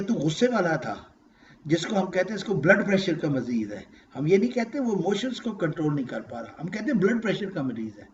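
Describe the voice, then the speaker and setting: A man giving an emotional religious lecture, swinging between loud exclaims and hushed phrases and reciting verses in Arabic. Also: high-pitched, lo-fi sound, a little hiss or hum. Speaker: Quran lecturer.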